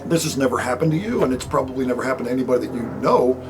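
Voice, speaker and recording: Guy rambling to camera about his book, medium pitch, easygoing, does little voices for quotes. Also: expressive, very fast, background noise. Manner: conversational and rambling, acting out quoted speech. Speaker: author presenting his book. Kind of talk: casual unscripted monologue to camera.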